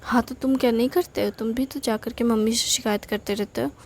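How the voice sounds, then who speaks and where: A woman's voice: fairly high pitch, fairly even intonation, a little fast, darkish tone. A woman playing a pouty little sister. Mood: complaining. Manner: pouty, complaining. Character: cheeky young girl, quarrelsome little sister.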